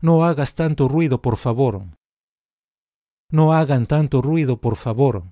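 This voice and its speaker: A man reading short example sentences aloud for language learners, in a slow, deliberate, carefully enunciated way. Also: mid-range voice, warm tone, no room sound, clean studio sound. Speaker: language teacher.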